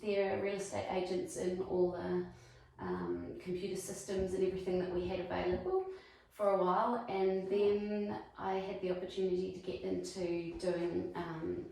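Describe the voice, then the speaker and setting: This New Zealander in her forties, cast as a chatty, friendly real estate agent peppered with ums, performs a staged sales meeting. Her lowish, mellow voice is gravelly, moving at a moderate pace with few pauses. It was captured far from the mic in a reverberant room.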